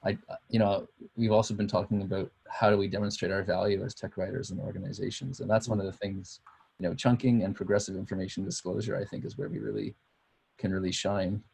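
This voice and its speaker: A man's voice: low-pitched, little pitch movement, quick pace, vocal fry, a little mellow, slightly rough. A man on a video call, agreeing and reflecting, with many hesitant uhs. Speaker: technical writer. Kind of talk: casual video call discussion.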